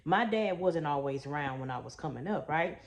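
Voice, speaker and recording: Low-voiced woman telling a story. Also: animated, moderate pace, a little hiss or hum. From Houston, Texas. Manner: chatty, folksy, calls the viewers y'all and baby. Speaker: trauma coach. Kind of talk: story-time vlog talk.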